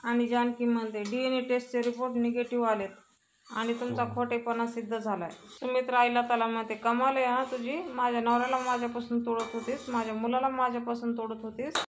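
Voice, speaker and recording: Brief: female storyteller retelling a drama episode, slightly high voice, little pitch movement, reads quoted lines in her own voice. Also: flat delivery, a little fast, slight background noise. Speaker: narrator retelling a serial episode.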